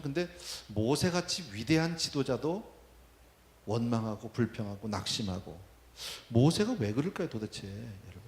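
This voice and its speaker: A man's voice: fairly high pitch, a little mellow, roomy sound. A man preaching a sermon, talking in a conversational way and asking the congregation questions. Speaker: pastor. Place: church.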